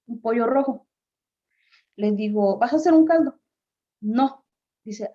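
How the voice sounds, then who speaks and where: A woman with a fairly high, mellow voice tells a personal story at an unhurried pace. She stops often on small filler words and slips into the voices of the people she is quoting. The recording sounds a little dull and lo-fi. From Mexico. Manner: unhurried, halting, with frequent filler pauses and reported dialogue. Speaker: community speaker.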